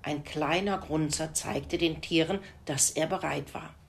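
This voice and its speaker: A woman reading a children's farmyard story aloud in a gentle, expressive way. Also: low-pitched, measured pace, creaky.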